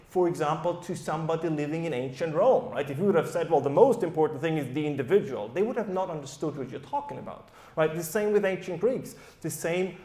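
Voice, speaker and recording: A man's voice: on the high side, darkish tone. A man with a German accent speaking on a live panel to an audience, conversational and often checking in with "right?". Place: event hall at a summer school. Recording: echoey hall.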